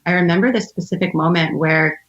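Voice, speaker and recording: Speaking fairly quickly in a fairly low voice, this podcast guest, an American entrepreneur in her thirties from outside Philadelphia, shares personal stories in a conversational, reflective, articulate way. The recording has a dull sound.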